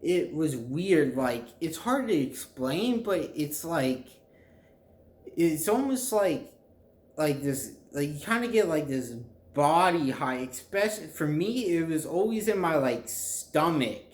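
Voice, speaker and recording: Young man, slightly high voice, slow rambling casual chat, halting delivery, roomy echo. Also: lively intonation. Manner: halting, rambling, groping for words. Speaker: vlogger telling a personal story. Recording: echoey, reverberant room.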